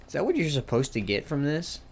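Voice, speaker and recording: Joking young man, gravelly gameplay chatter. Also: on the high side, huge pitch swings, brisk, slight background noise. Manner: joking, slangy, talks to himself. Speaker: let's play host. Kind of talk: casual gameplay commentary.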